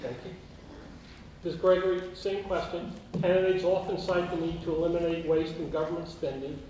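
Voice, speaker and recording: A man's voice: fairly high pitch, flat delivery, fairly quick, darkish tone, a little hiss or hum. Male moderator reading questions. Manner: reads questions formally. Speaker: forum moderator. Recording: echoey hall, distant mic.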